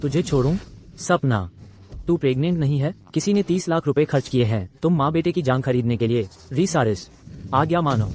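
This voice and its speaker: A man's voice: mid-range voice, expressive, moderate pace, darkish tone, a little hiss or hum, natural voice. A man playing a sneering thug ex-lover. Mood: menacing. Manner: sneering, menacing. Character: arrogant male ex-lover turned thug boss. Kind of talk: Hindi drama dub. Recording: music bed under dialogue.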